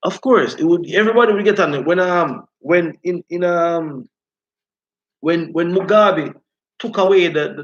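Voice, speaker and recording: High-pitched man, rasta-style talk. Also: highs cut off. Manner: repeatedly checks listeners follow. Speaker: host of a live talk stream. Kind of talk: informal live commentary, reading out viewer comments.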